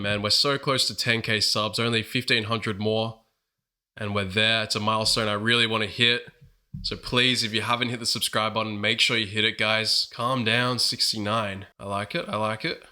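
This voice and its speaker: A man's voice: on the low side, sharp tone. A man hosting his gaming channel, chatting casually through strategy commentary while a bit sick. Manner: chatty, upbeat, self-correcting.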